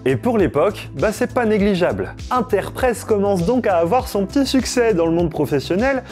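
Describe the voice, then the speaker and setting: Male tech host, slightly raised pitch; scripted, playful explainer read over faint background music. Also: big pitch swings, normal speed, darkish tone. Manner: playful, jokey asides to viewers.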